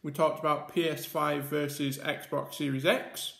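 A man's voice: a little high, level tone, measured pace, creaky, a bit bright, echoey room. A man hosting a casual mukbang vlog, chatting and rambling with many ums as he eats at a table. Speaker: YouTube host. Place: indoor room at a table. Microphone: camera mic with face cam and top camera.

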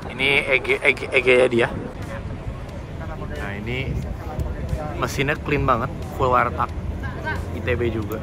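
This car vlogger, a man with a Jakarta Indonesian accent, talks casually and enthusiastically at an outdoor car meetup, using slang alongside English car terms. His mid-range voice stays steady at a measured pace with long pauses, against loud music and a noisy background.

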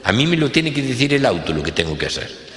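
A man's voice: mid-range voice, very animated, quick pace, a bit bright, voice pushed up. A man voicing a wealthy, demanding Spanish businessman who speaks in an indignant, exclaiming way. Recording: echoey hall from a stage.

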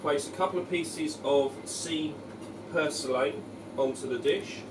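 Speaking slowly in a voice on the high side, the head chef gives a relaxed, explanatory cooking demonstration laced with "um" and "okay." A camera mic several feet away picks him up in an echoing restaurant kitchen, over loud sizzling pans and kitchen clatter.

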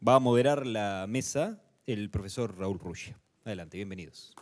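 A man's voice: on the low side, moderate pace, a little mellow. A man hosting a university event, formally introducing the panelists by name and title in an auditorium. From Uruguay. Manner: formal, listing names and titles. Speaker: event host. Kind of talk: introducing speakers.

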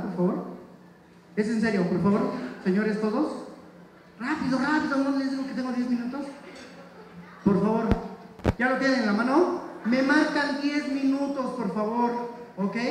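Stand-up comic, Mexican man, high voice, crude banter, echoey hall from afar. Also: a little mellow, distant mic, a little hiss or hum. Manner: crude, rapid-fire audience banter. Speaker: stand-up comedian. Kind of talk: stand-up comedy set. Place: live stage in a hall with audience.

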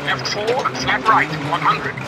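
A man playing a rally co-driver in a racing game, calling rapid pace notes in clipped, terse directions. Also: on the high side, lively intonation, over loud music. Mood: brisk, focused. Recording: loud car engine noise over voice. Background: rally car engine and driving noise.

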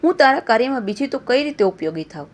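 A woman's voice: a little high, big pitch swings, fast talker, pitched above the performer's own voice. A woman voicing a poor, devoted mother who speaks tenderly and consolingly to her son in a storybook tale. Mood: prayerful.

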